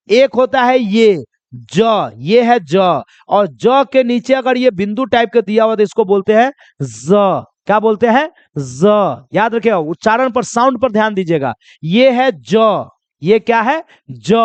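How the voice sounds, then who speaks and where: A man with a high, expressive voice teaches pronunciation rules in a classroom-style lesson at a moderate pace, recorded without echo. He drills his listeners with repeated quiz questions and keeps calling them children.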